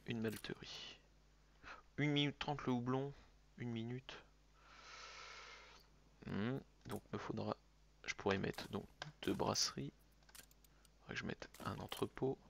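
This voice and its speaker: A man's voice: mid-range voice, fairly even intonation, slow pace, gravelly, pauses often, slight background noise. A man streaming a strategy game, muttering calculations to himself between jokey asides. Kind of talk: casual let's-play commentary.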